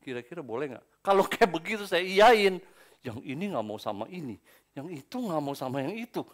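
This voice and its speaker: Male pastor, sermon delivery, playful, swings from muttered asides to loud outbursts, slightly high voice. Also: big pitch swings, a little fast. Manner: playful, acts out quoted people. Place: church service.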